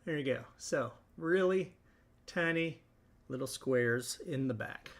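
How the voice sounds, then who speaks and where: A man hosting a live painting stream, talking through each step in a relaxed way as he works. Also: medium pitch, takes it slowly. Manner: relaxed, thinking aloud while working. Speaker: host.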